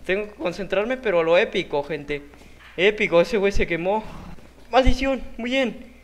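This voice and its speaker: Excitable young Mexican gamer. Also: male voice, sits high, moderate pace, noisy background. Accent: Mexican Spanish. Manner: excitable, yelps and curses at near misses. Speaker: gaming YouTuber. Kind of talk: live gameplay commentary.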